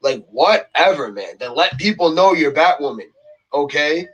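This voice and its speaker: A man's voice: fairly high pitch, expressive, moderate pace, fairly bright tone, breathy edge, rough recording. A man ranting on his own to camera, heated and exasperated, a little out of breath, who keeps repeating himself and tags his points with "okay?". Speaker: vlogger. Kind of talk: casual rant to camera.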